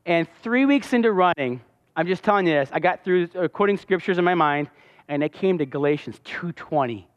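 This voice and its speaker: A man's voice: high-pitched, lively intonation, a little fast, clean tone. A man giving a sermon testimony, telling his story with passion. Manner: impassioned, storytelling. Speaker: pastor. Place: church hall. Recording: dull sound with long hall reverb.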